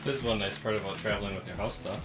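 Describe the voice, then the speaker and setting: A man's voice: fairly low pitch, steady tone, very fast, heavy background noise. A man from the United States chatting casually as a travel vlogger. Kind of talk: casual travel vlog chat.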